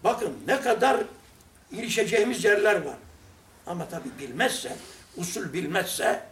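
Older man, religious talk, chuckling storyteller, high voice, echoey room, distant mic. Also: lively intonation, moderate pace, a bit bright. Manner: storytelling, chuckling, acts out dialogue. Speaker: religious teacher giving a talk. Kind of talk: humorous anecdotal religious talk.

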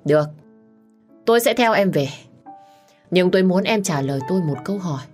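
A heartbroken young gang boss, pleading and bitter, his lines a little raised in a romance audiobook, voiced by a woman reading the story. Soft music plays behind. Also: on the low side, animated, brisk, natural voice. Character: anguished young male gang boss in love. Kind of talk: audiobook character voice.

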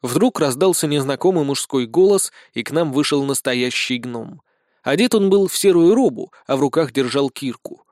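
A man narrating a first-person comic fantasy audiobook in an even storytelling read. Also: medium pitch, moderate pace, dry recording, clean studio sound.

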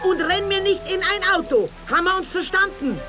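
An actress playing a brisk, scolding old grandmother in a radio drama. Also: very high-pitched, lively intonation, music in the background. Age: older. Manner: scolding, bossy, dialect-tinged.

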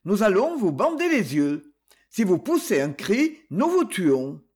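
A man's voice: high voice, wildly swooping pitch, a little slow, darkish tone, exaggerated voice. A man voicing a curt, menacing impostor noble. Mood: threatening. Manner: curt, rough commands.

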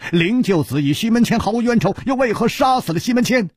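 A man voicing a calm, pensive swordsman hero in a told story, quiet and brooding. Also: high voice, fast talker, breathy edge, no room sound, clean studio sound, pitched above the performer's own voice.

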